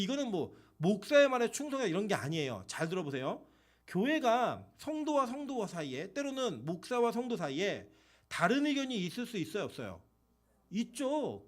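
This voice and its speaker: Male pastor, sermon, higher-pitched, very lively and questioning delivery. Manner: animated, conversational preaching with rhetorical questions and acted-out quotes.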